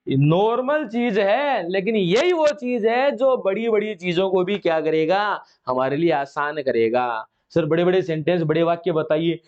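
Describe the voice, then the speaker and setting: A high-voiced man from India teaches English grammar in a classroom lesson, working through each sentence step by step. He poses questions to the class and answers them himself, repeating key words. The recording sounds dull and lo-fi. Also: darkish tone.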